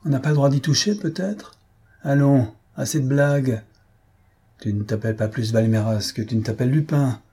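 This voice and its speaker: A man voicing a mocking, vengeful English detective in an audiobook, pitched higher than his narration. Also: normal speed, warm tone, husky. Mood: sneering. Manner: mocking and aggressive.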